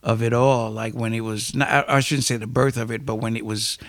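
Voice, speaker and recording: The same kind of guest, a middle-aged New York poet and musician from the United States, recounts his life in an interview at a fairly quick clip. His medium-pitched voice is slightly bright and flat in delivery, thoughtful and laden with fillers, with no room sound.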